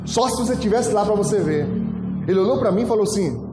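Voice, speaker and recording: A pastor preaching a storytelling sermon, animated and acting out dialogue with frequent laughter. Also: male voice, high voice, fast, background noise. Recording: echoey hall with long reverb.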